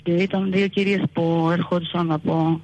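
A young woman calling in to a radio show, telling her story haltingly and retelling what people said. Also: on the low side, little pitch movement, a little mellow, highs cut off. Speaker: caller. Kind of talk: telephone call to a radio show.

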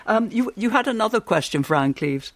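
Radio host running a book club show, gravelly voice, polite, stumbles a bit. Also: male voice, sits high, expressive, brisk, a bit bright. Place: studio with live audience.

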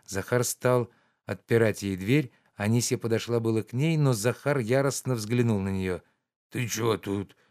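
In a smooth, medium-pitched voice, a male narrator reads a classic novel aloud as an audiobook, with a steady and measured storytelling style.

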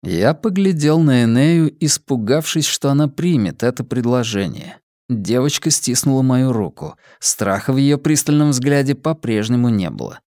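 Male audiobook narrator, steady measured reading, mid pitch, dry close sound. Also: no echo.

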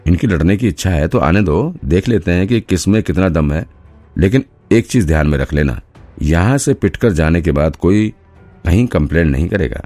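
A man's voice: sits low, lively intonation, moderate pace, dark tone, no echo, faint music behind. A man voicing a swaggering male detective in an audiobook, taunting his rivals with laughing threats. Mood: cocky.

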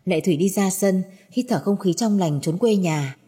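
A woman narrating a spoken audio story in an even storytelling delivery. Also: mid-range voice, normal speed, slightly rough.

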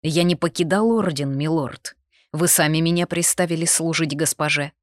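A woman's voice: sits low, moderate pace, no echo, clean studio sound, close to an everyday voice. A woman reading the lines of a loyal young male knight in an audiobook, firm and formal.

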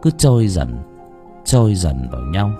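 A man's voice: low voice, sing-song, moderate pace, warm tone, soft background music. A man narrating a dramatic story as an audiobook reader, with emotive delivery.

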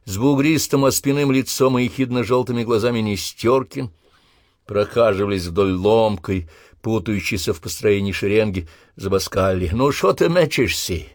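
A man reading a novel aloud as an audiobook narrator, in a steady, expressive way. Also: on the low side, dry recording, studio quality. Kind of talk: scripted narration.

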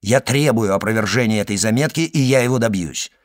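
A man's voice: on the low side, brisk, lightly acted. A man reading the part of a proud young nobleman in an audiobook, speaking firmly and insistently. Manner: firm, clipped, demanding.

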